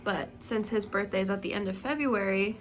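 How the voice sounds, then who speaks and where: A woman's voice: medium pitch, normal speed, background noise. A young woman, a stay-at-home mom, chatting casually through her day's chores in a home vlog. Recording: music playing under the voice.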